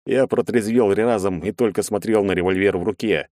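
A man reading a first-person audiobook in a measured, expressive way. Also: lowish voice, no echo, clean studio sound. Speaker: audiobook narrator.

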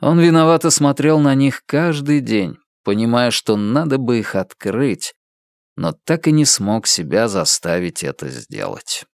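A man narrates an audiobook in a measured, storytelling way. His pitch rises and falls with animation. The recording is dry and close, with no room sound. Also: sing-song, dry recording.

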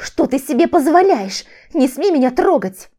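A woman's voice: high-pitched, big pitch swings, moderate pace, voice pushed up. Woman doing a furious, defiant young ex-wife. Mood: angry. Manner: shouting, indignant, sharp retorts.

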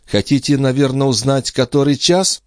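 A man's voice: medium pitch, moderate pace, a little mellow, no room sound, studio quality, voice pushed up, natural voice. A man voicing a fussy, kindly young maidservant in a storybook, eager and servile.

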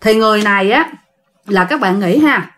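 A woman's voice: medium pitch, animated, moderate pace, fairly bright tone. A woman telling a ghost story in a chatty way, often speaking straight to her listeners. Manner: chatty, addresses listeners directly. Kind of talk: casual spoken ghost story told to listeners.

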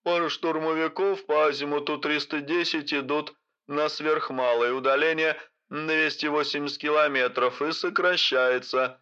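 A man's voice: a little high, steady tone, normal speed, bright, forceful tone, smooth, voice pushed up. A man reading out military officers' radio exchanges, speaking in clipped, formal call procedure as if over a field radio. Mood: terse. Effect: radio transmission sound. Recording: dull lo-fi radio sound.

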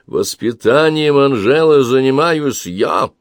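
A man's voice: on the low side, very animated, a little slow, slightly rough, dry recording, studio quality, full character voice. A man reading aloud and voicing a doting, hot-tempered father who insists and raises his voice. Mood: angry.

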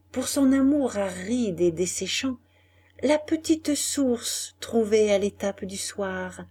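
A woman reading a classic novel aloud as an audiobook, soft and measured, often dropping nearly to a whisper. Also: fairly high pitch, breathy edge. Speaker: audiobook reader. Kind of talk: literary audiobook narration.

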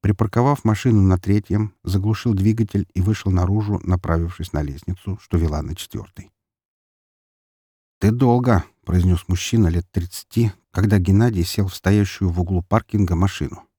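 Male audiobook narrator, deep and husky, dry close sound. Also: fairly even intonation, fairly quick, few pauses, warm tone, no room sound. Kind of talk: scripted narration.

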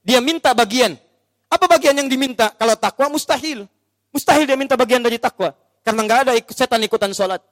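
A man's voice: extremely high pitch, quick pace, dry recording, in a large hall. A man preaching a sermon, telling a story by acting out its scenes and putting questions to his audience.

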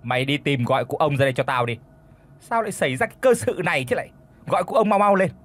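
A man's voice: fairly high pitch, animated, quick pace, a bit bright. A man voicing an imperious old village matriarch who scolds her servants and wails. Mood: scolding. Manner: scolding, wailing, crude threats.

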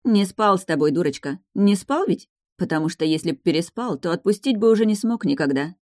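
A woman voicing a haughty, sharp-tongued dragoness lady in an audiobook, talking high, loud and scornful. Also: expressive, fairly quick, dry recording, clean studio sound, natural voice. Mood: knowing. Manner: scornful, commanding, raised and loud. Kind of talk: audiobook character reading.

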